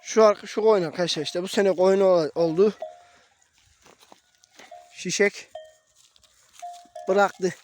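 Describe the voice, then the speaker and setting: High hoarse young guy herding sheep on a windy mountain, bit of noise in the background. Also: slow pace, long pauses, a little mellow. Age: young adult. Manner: talks to viewers as friends, calls to his animals. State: hoarse from a cold. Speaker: shepherd vlogger. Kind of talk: casual vlog narration outdoors. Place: mountain pasture outdoors, wind.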